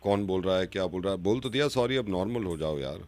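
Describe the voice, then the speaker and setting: A man making a prank phone call, insistently apologizing and growing more exasperated and loud. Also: low-pitched, expressive, quick pace. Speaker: radio prank caller.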